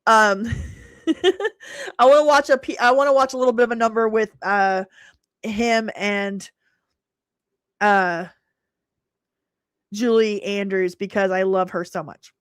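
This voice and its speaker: A woman's voice: mid-range voice, dry recording, clean studio sound. A middle-aged woman hosting a live stream, chatting casually, laughing often and answering viewers by name.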